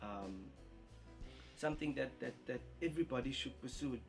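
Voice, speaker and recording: A man answering interview questions earnestly, halting and repeating words. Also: mid-range voice, gravelly, over music.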